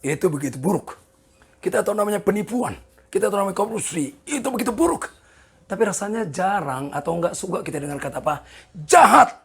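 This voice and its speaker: A pastor in his sixties preaching a sermon, animated and joking with the congregation, with a gravelly, husky voice. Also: fairly high pitch. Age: 60s. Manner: animated, jokes with the congregation, voices people in quoted asides.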